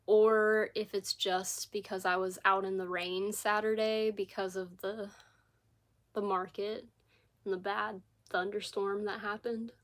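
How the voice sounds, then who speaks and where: A woman's voice: medium pitch, flat delivery, measured pace, a bit bright. A woman with a scratchy voice chatting casually on a livestream from her living room, rambling with lots of fillers. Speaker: crochet livestreamer. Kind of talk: casual live chat.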